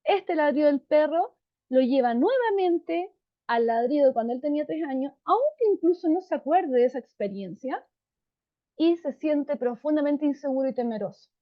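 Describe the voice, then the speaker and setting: A woman psychologist explains things to parents in a warm, calm, unhurried tone, often checking in with them. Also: high voice. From Chile. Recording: dull lo-fi sound.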